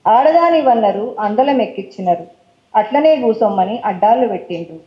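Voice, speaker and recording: On a poetry forum stage, a woman reads her own poems in a rhythmic recital, introducing them with relaxed chatter in Telangana Telugu sprinkled with English. Her highish voice is expressive at a normal pace, and the audio comes across roomy and lo-fi.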